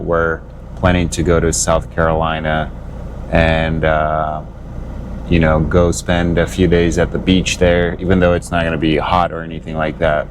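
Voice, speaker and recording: A man casually narrating a road-trip vlog, relaxed and rambling with lots of fillers. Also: deep voice, noisy background. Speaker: vlogger. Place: inside an RV and outdoors on the road. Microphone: smart glasses camera.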